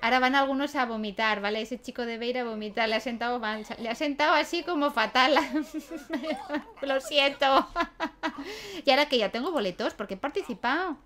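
A young woman's high, slightly bright voice carries casual commentary at normal speed as she plays a life-sim game on YouTube. She chats with the characters and frequently breaks into laughter.

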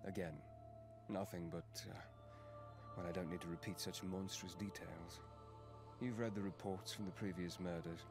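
A man acts out a weary general who leads monster hunters in a visual novel game. He is stern and formal, giving terse commands. Music plays clearly behind him. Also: medium pitch, animated, normal speed, lightly acted. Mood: grave, weary.

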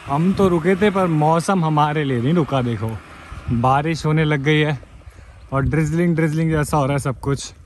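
A man's voice: a little high, moderate pace, a little hiss or hum. A man talking casually to camera as a walking travel vlogger, chatting with his viewers as he walks along a road outdoors. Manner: chatty, addresses viewers as brothers and guys; talks while walking on foot. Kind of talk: casual vlog talk to camera. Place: outdoors by a roadside.

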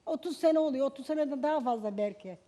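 An older woman speaking as a talk show guest. Her voice sits high yet sounds soft and mellow. She denies accusations and insists on her own account. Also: fast. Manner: defensive, insistent denials.

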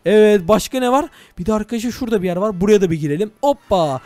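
A young man narrating a Minecraft let's-play to his viewers, excitable and full of exclamations. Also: high voice, very fast, no room sound. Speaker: gaming YouTuber.

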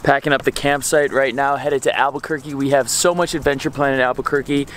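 A man's voice: medium pitch, fairly even intonation, fairly quick, a bit bright, slight background noise. A young man filming a casual travel vlog at arm's length, upbeat and chatty as he talks to the camera. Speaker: travel vlogger. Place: outdoors and in a rented house, on the road. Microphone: handheld camera at arm's length. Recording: background music throughout.

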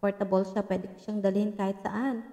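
A woman's voice: medium pitch, flat delivery, moderate pace, mellow. Chatty woman vlogger demoing gear. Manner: chatty, mixes English into Filipino, many fillers. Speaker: vlogger reviewing a portable sound card. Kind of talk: casual tech demo chat. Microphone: microphone into a sound card.

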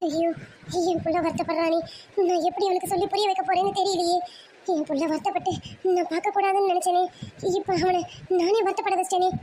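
A woman's voice: very high-pitched, fairly even intonation, fast, warm tone, slight background noise. A woman voicing a loving but secretive middle-aged mother in a cartoon, lamenting and pleading. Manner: pleading, lamenting, sighing "aiyo". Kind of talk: cartoon voice acting.

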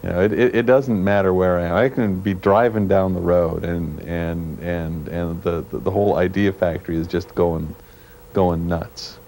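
Low dark-voiced guy from canada, halting interview talk, worn vhs tape copy, bit of hiss. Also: steady tone, creaky. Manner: halting, searching for words. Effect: worn VHS tape copy with faint hiss. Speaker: programmer being interviewed.

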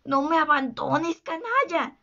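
A woman gives voice to a blustering male pirate captain in a storybook reading. He exclaims and demands in a slow, drawn-out voice. The recording sounds dull and lo-fi. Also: high-pitched, expressive, sharp tone, exaggerated voice. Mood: shaken, demanding.

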